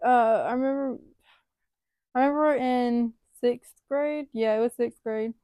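A woman's voice: a little high, fairly even intonation, measured pace, mellow, dry recording. A teenage girl co-hosting a podcast, talking casually and hesitantly, filling with many "like"s. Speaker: podcast co-host. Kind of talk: casual chat.

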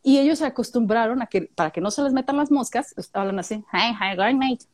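A woman chatting casually about speaking skills, lively and acting out little voices as examples. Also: on the high side, fast talker. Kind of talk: casual chat giving speaking tips.

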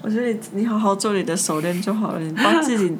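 A young woman co-hosting a podcast, telling stories in an animated way and laughing often. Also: medium pitch, fast talker. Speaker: podcast co-host. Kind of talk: casual chat. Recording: faint background noise.

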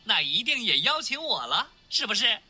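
Woman doing a cocky loud monkey king, kinda high and bright. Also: very animated, normal speed, slightly rough, soft background music, full character voice. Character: brash, mischievous male monkey king.

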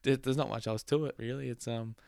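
A man's voice: mid-range voice, fairly even intonation, fairly quick, vocal fry, a little mellow, clean tone, no room sound. A young man hosting a casual motorsport podcast, chatty, laughing often and trailing off mid-thought. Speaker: podcast host.

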